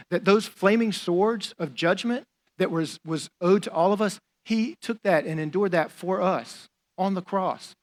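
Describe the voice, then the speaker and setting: A young adult man, a pastor, preaching a sermon in a conversational, emphatic way, often saying "like" and repeating phrases for stress. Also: on the high side.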